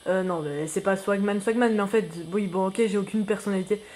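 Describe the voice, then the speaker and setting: A new YouTuber delivers casual gameplay commentary, rambling and poking fun at himself, packed with slang and excitable outbursts at the game. His voice sits high and moves a little fast.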